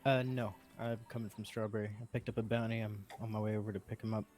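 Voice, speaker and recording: A man in a role-play game voicing a relaxed, slightly hesitant male doctor working as a bounty hunter. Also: on the low side, quick pace, faint music behind, close to an everyday voice. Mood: easygoing.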